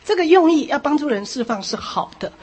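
A woman preaching a sermon, repeating phrases for emphasis and adding lively asides. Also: sits high, a little fast.

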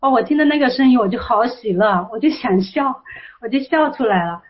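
A woman sharing a personal testimony in an online prayer room, emotional and rising high as she recounts her prayer. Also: animated, a little fast. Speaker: testimony speaker. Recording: muffled lo-fi online voice chat.

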